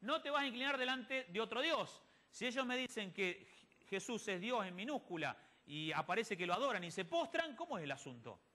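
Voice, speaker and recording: Brief: male church speaker, bright, animated delivery, rhetorical questions. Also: high-pitched, a little fast. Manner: asks the audience rhetorical questions and answers them; quotes others in conversation. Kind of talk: sermon-style Bible teaching to a congregation.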